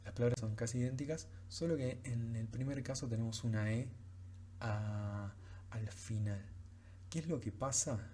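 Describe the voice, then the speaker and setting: A man's voice: medium pitch, moderate pace, dark tone, a little hiss or hum. A man teaching French pronunciation in a recorded lecture, explaining patiently with frequent fillers.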